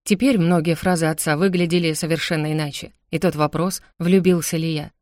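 A woman's voice: sits low, fairly even intonation, a little fast, darkish tone, no room sound, studio quality. A woman narrating a first-person novel with an intense, emotional reading. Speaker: audiobook narrator.

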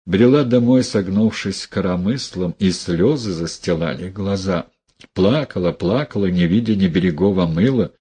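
Narrator: man, slow dramatic audiobook reading, mellow dark husky tone. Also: low voice. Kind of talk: literary narration.

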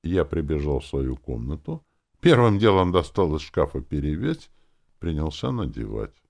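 A man narrating a fantasy audiobook in the first person, wry and expressive. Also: a bass voice, normal speed, creaky.

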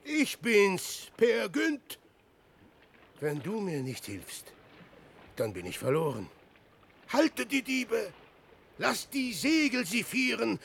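Gravelly, theatrical Peer Gynt. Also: male voice, sits high, wildly swooping pitch, slow, pauses often, fairly bright tone, slight background noise, exaggerated voice. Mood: pleading. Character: Peer Gynt, vain self-serving rich adventurer man. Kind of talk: classic radio drama acting.

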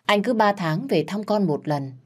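A woman storyteller narrating a family drama in a measured, sorrowful way. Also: mid-range voice, animated. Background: faint background music.

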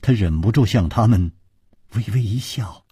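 A male storyteller narrating a long-form story broadcast in an animated way, voicing every character himself. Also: fairly low pitch, normal speed, husky, no room sound, clean studio sound.

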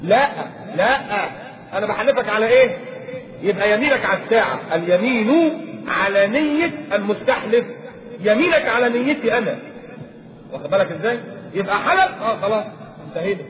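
A man with an Egyptian accent preaches at a rapid clip in a fairly high voice. He acts out little exchanges between people with humor and drive. The recording is dull, lo-fi tape with plenty of room echo. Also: background noise. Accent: Egyptian Arabic. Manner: lively, acts out dialogues with humor. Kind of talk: religious lecture. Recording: roomy, dull lo-fi lecture tape.

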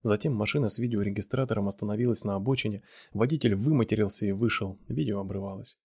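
A man reading a romance novel aloud in a steady, measured narration. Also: lowish voice, slightly rough, no echo, studio quality. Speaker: audiobook reader.

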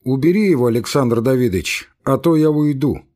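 A man reading aloud, voicing a calm, sarcastic, self-possessed zoologist. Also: medium pitch, brisk, close to an everyday voice. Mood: scornful.

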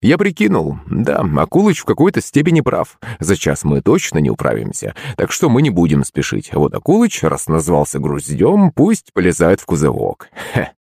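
A man narrating an audiobook in an expressive, conversational manner. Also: sits low, moderate pace, creaky, slightly rough, dry recording, studio quality.

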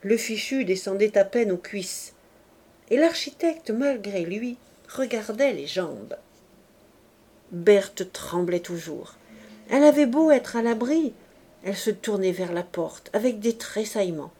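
Slow, mellow woman reading a novel. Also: mid-range voice, expressive. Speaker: audiobook reader. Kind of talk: scripted narration of a novel.

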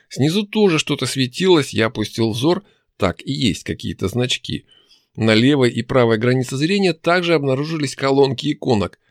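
A male narrator telling a first-person fantasy story in an expressive, animated way. His pitch sits mid-range but swings widely through the phrases. The recording is close and completely dry. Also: no room sound. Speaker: audiobook narrator.

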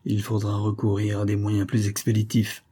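A man's voice: fairly low pitch, completely flat delivery, normal speed, warm tone, slightly rough. A man voicing a smug, scheming Spanish official in an adventure story. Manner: smug, approving.

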